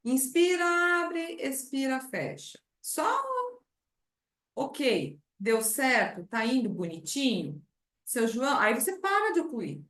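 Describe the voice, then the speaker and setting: Brazilian woman giving a clinical class, kinda high voice, roomy echo, lively. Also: slow pace. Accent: Brazilian Portuguese. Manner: lively, acts out bedside talk to a patient. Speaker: speech therapy instructor. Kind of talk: clinical lesson with acted patient dialogue.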